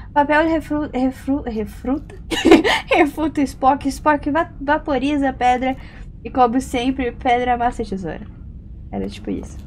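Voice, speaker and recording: A woman's voice: sits high, darkish tone, slight background noise. A young woman with a Brazilian Portuguese accent, chatting casually and slangily while streaming a game and reading chat. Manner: chatty, slangy, giggly, reads chat aloud.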